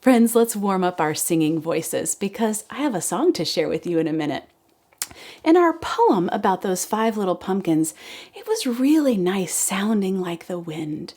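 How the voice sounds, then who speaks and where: A woman's voice: mid-range voice, very animated, moderate pace, dark tone. A woman speaking in a sing-song, encouraging kindergarten teacher voice, leading preschool circle time with poems and chants.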